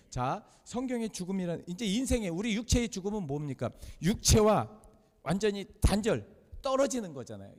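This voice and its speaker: 목사의 생동감 있는 높은 남성 설교 목소리. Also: male voice, fairly high pitch, dark tone, big-room sound. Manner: preaching with emphatic repetition and rhetorical questions. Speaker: pastor. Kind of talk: sermon. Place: church sanctuary.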